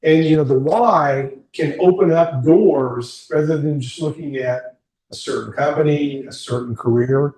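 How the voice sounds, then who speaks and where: A man's voice: on the high side, a little slow, a little mellow. Man, 60s, workshop presenter, conversational, distant echoey room sound. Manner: candid, conversational, asks the group questions. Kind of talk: informal group talk. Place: meeting room with a group. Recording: echoey room, mic far off.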